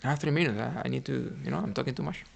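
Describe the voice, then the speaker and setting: Racing along in a gravelly, mid-range voice, this man gives live commentary on a chess game he's playing. He's a Cuban streamer who reasons through his moves out loud, keeps saying "right?" and talks with viewers between moves.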